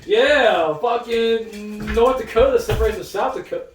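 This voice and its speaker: A man's voice: high voice, moderate pace, faint music behind. Giggly, swearing podcast storyteller guy. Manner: loose storytelling, swears, laughing through lines. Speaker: podcast co-host. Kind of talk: crude comedic banter. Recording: roomy echo, mic at a distance.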